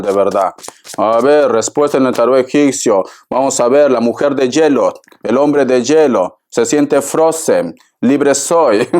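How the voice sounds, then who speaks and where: A man's voice: medium pitch, a little mellow. A man giving a tarot reading straight to the viewer in a theatrical, chatty way, calling the listener darling. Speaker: tarot reader.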